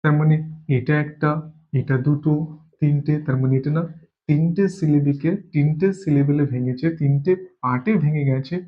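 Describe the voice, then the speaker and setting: A man's voice: on the high side, fairly even intonation, moderate pace, dull audio. A man from Bengal teaching an English grammar lesson, explaining step by step and repeating key words as he goes.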